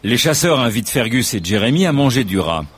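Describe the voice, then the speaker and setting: A man's voice: mid-range voice, sing-song, brisk, slight background noise. A man from narrating a nature documentary in a scripted, storytelling way.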